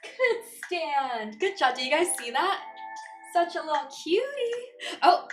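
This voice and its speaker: A woman with a high, light voice chats casually on her livestream and coos at her cats. She takes her time and speaks slowly and fondly. Soft music plays faintly behind her. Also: animated. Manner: cooing and doting, talking to her cats. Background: faint background music.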